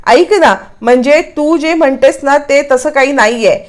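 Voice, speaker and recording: A woman's voice: high voice, normal speed, close to an everyday voice. A woman voicing a young married man who pleads and complains to his mother, in a spoken retelling of a TV serial. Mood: pleading.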